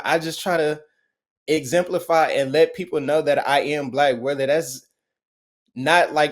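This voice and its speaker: Earnest Southern man, slightly high voice. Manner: earnest, relaxed, with many fillers. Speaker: guest athlete. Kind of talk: casual interview talk.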